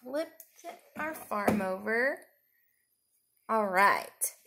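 A woman in her thirties leading a children's counting lesson, talking simply and in a sing-song way as to a toddler, with questions and pauses for answers. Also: mid-range voice, animated, noisy background. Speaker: preschool teacher.

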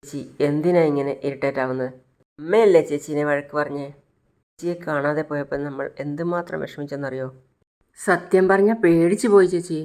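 A woman's voice: deep voice, a little fast, a little mellow, lightly acted. A woman voicing a younger sister who pleads with and reproaches her older sister. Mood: reproachful.

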